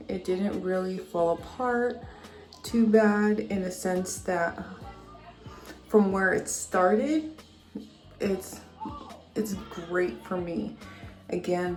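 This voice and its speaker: A woman's voice: medium pitch, warm tone. A woman beauty vlogger chatting upbeat to her viewers at home as she reviews makeup. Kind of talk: casual makeup review to camera.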